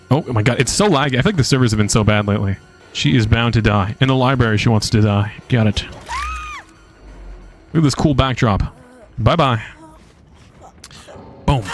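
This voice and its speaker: A man streaming a video game and commentating live, casual and excitable, swearing freely. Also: mid-range voice.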